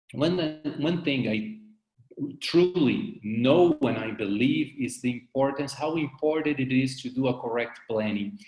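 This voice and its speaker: A man gives an online dental lecture at a mid pitch. He talks in a halting way, repeating words and bending the grammar. The sound has the echo of a bare room. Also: a little mellow. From Brazil. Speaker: dentist presenting cases.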